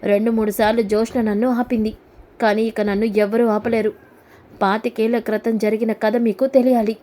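A woman voicing an angry middle-aged man who forcefully confronts his family. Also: on the high side, flat delivery, fairly quick, natural voice. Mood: insistent. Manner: forceful, accusing.

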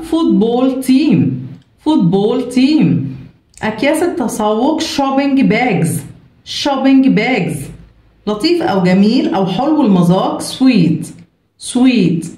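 A woman English teacher with an Egyptian Arabic accent. She reads each English word twice and gives its Arabic meaning at a steady pace. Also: fairly high pitch, reverberant. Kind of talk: reading and translating vocabulary for students.

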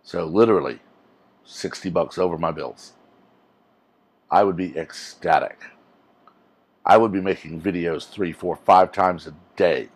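A YouTuber in his forties with a deep, low-pitched voice rants casually and ramblingly straight to camera, earnest and emphatic. He speaks unhurriedly with long pauses, recorded close on a lapel mic in a small indoor room.

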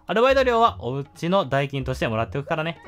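A man's voice: a little high, big pitch swings, fast talker, fairly bright tone, muffled recording, faint music behind. A man voicing a chatty, bossy but kind raccoon shopkeeper in a sing-song way. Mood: coaxing.

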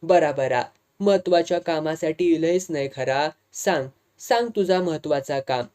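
Reader voicing young village woman, Malvani accent, teasing, evasive, mellow tone, audiobook. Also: mid-range voice, unhurried, smooth, natural voice. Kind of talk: audiobook dialogue reading.

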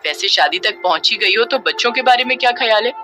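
A woman's voice: a little high, expressive, quick pace, pushed and bright, soft background music. Woman playing a teasing young man.

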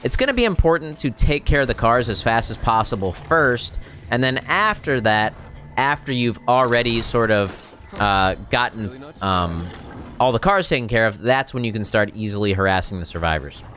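Expressive and a bit bright, his medium-pitched voice moves at a moderate pace as he delivers casual gameplay advice and commentary. The man, in his thirties, is a streaming host and tutorial maker recorded on a close boom-arm microphone with audible background noise.

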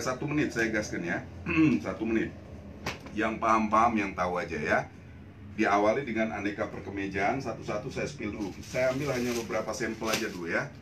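Older male seller, low-pitched and emphatic, live-stream pitch on a phone in a small store, faint background noise. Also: fairly bright tone. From Indonesia. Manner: emphatic, repeats phrases with tag "ya". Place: indoor jeans shop. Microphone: phone camera at arm's length.

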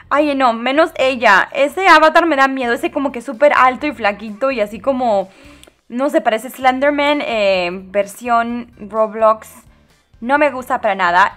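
A woman casually commenting on her gameplay, animated and dramatic, with frequent exclamations and giggles. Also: fairly high pitch, a little slow, faint music behind. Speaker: host.

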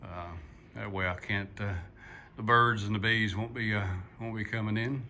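Holding his phone camera, an older man narrates a chatty walkthrough of the wooden frame of his house under construction, both inside and on the outdoor steps. He speaks fairly low, steady yet bright and forceful, peppering his folksy talk with "uh" and "yeehaw" over slight background noise.

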